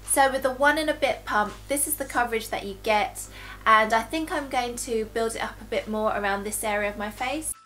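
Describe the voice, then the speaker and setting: A beauty vlogger reviews and demos makeup in a casual, chatty way, talking as she applies it. Her voice is fairly high, brisk, bright and forceful, though a little nasal because she's recovering from the flu.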